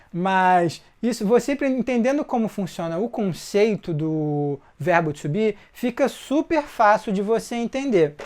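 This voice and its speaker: A man's voice: high-pitched, expressive, measured pace, darkish tone. A man teaching English in a casual video lesson, explaining step by step and checking in often with the viewer.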